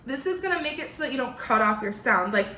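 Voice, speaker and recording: A woman's voice: fairly high pitch, expressive, fast, sharp tone, roomy sound. A young woman with a slight lisp teaching an online singing lesson from her living room, giving step-by-step instructions.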